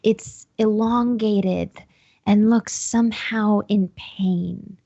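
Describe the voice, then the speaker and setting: A woman at a middle pitch narrates a tabletop horror game as its game master. She describes each scene piece by piece, with ums and restarts along the way. Her voice comes through a dull, lo-fi line. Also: fairly even intonation, slow pace, gravelly, dark tone, no echo.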